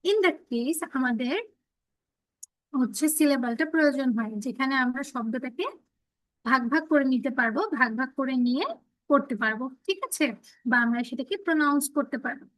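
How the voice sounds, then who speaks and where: A young woman teaches an online class in a high, clear voice, recorded close and dry with no room sound. She explains patiently and reads definitions out very slowly. She keeps calling on students to check that they have followed. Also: no echo, low-quality recording. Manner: checks understanding, calls on students. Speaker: English teacher.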